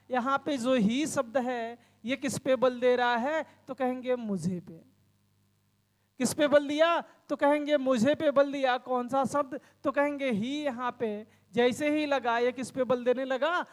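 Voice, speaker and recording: A man's voice: very high-pitched, long reverb tail. A man teaching grammar in a classroom lecture, explaining step by step and asking and answering his own questions.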